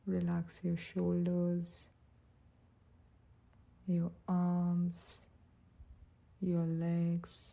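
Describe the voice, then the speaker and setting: A woman guides a meditation in a very mellow voice that is soft and breathy. Her pitch is a little low and stays quite even. She speaks slowly and gently, in a soothing, unhurried manner.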